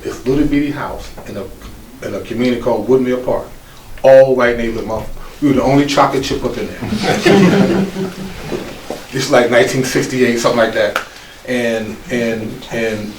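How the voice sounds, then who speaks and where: An American man in his fifties shares his life story with an office crowd, animated and quick to act out the people in it. His voice rings through an echoey room and sits a little away from the mic. A faint room hum runs under it. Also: medium pitch, distant mic. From United States. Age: 50s. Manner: animated storytelling, with laughs and acted-out quotes. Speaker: guest speaker, former pro football player. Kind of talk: personal life story told to an audience.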